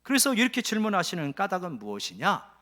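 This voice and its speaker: A male pastor preaching a sermon, full of rhetorical questions and swinging between loud and hushed delivery. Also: sits high, wildly swooping pitch, fast talker. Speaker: senior pastor.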